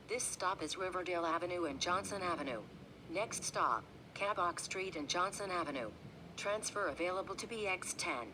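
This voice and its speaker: Woman, lower voice, automated bus stop announcement, measured and flat, noisy bus recording. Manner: flat, measured, clipped readout. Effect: bus stop announcement over the onboard speaker. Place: inside a moving city bus. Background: engine rumble and road noise.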